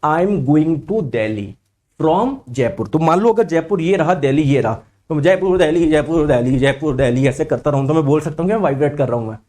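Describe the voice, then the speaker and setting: A high-pitched man teaching, his throat a little sore. He is animated and keeps questioning the class, then answers in the students' voice. His voice sits above most men's. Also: quick pace, few pauses. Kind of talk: lively classroom lecture.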